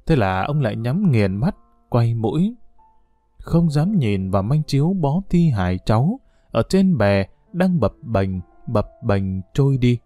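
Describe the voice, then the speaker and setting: A man narrating a somber story in a solemn, expressive audiobook reading. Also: medium pitch, no echo. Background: soft guitar music.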